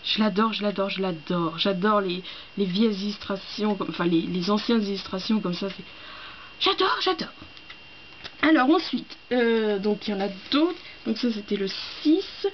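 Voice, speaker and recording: A young woman from France chatting casually as she unboxes gifts, gushing and excitable, with many hesitations and fillers. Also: medium pitch, moderate pace. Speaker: book vlogger. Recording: dull lo-fi home recording with faint hiss.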